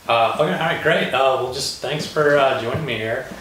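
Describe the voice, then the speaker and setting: A man from Colorado, a lawyer, hosting a relaxed panel chat, talking with many fillers and pauses. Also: mid-range voice, slight background noise. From Colorado, USA. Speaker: host, lawyer. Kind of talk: casual panel conversation. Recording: roomy echo, distant mic.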